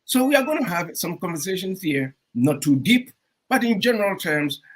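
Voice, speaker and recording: A man hosting a radio talk show in a casual, animated way, with frequent fillers. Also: sits high, moderate pace. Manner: animated, warm welcomes, frequent um fillers and laughs. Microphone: streamed studio mic.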